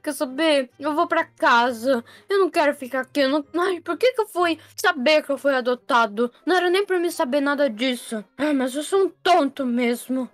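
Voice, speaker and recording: A woman's voice: high voice, normal speed, hardly any pauses, dry recording, lightly acted. A woman voicing a sulky, rebellious boy in a Roblox role-play story, grumbling and dismissive. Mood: upset. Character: sulky rebellious boy who learns he is adopted.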